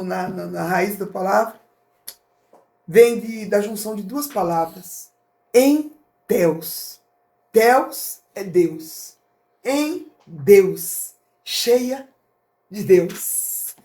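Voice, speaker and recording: Middle-aged Brazilian woman, motivational speaker, storytelling as a guest, animated delivery. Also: medium pitch, echoey room. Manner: animated, acts out dialogue in different voices. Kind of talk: emotional personal storytelling.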